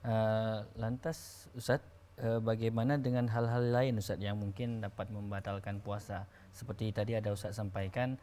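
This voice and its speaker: Tv host guy, low voice, polite and deferential, lots of agreeing, faint hiss. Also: level tone, normal speed, dark tone. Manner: deferential, many agreeing interjections. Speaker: talk show host. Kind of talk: religious talk show interview.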